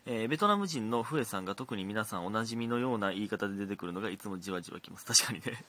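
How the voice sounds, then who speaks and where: A man in his thirties speaks in a Kansai accent, hosting a casual solo talk show and reading out listener letters. His voice sits low but swings widely in pitch, and a slight hoarseness runs through it. He laughs often and sometimes drops into muttered asides. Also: lively intonation, rapid-fire, pushed and bright. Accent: Kansai Japanese.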